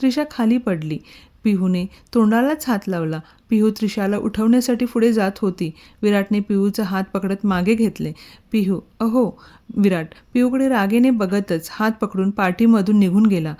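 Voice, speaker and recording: A woman narrating a romantic story in a calm, even storytelling manner. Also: medium pitch, moderate pace. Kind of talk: scripted narration.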